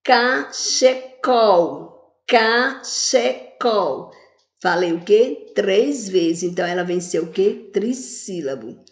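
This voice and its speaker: A woman's voice: lowish voice, animated, measured pace, hardly any pauses, dark tone, roomy sound. A woman teaching children in a recorded video lesson, asking questions and answering them herself while stretching words out syllable by syllable. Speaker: primary school teacher.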